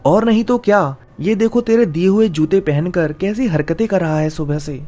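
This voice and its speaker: A man voicing a poor young mother who is frightened and accusing, with a shrill manner. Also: normal speed, mellow, natural voice. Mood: furious.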